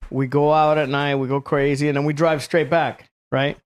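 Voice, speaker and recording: A man spins a rowdy anecdote on a podcast, cursing and laughing as he goes. His voice sits a little high. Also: little pitch movement, moderate pace, clean tone. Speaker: podcast host. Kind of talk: casual storytelling chat.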